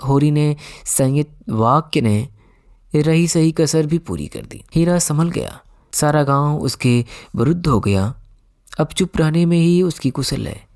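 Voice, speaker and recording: A man narrating an audiobook in a steady storytelling manner. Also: fairly high pitch. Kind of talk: scripted narration.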